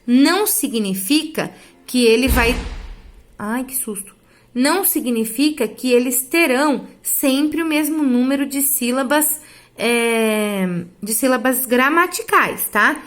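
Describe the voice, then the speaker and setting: A woman's voice: high voice, a little slow, fairly bright tone. A woman teacher explains a lesson step by step, often checking in with her students. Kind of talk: online class lesson.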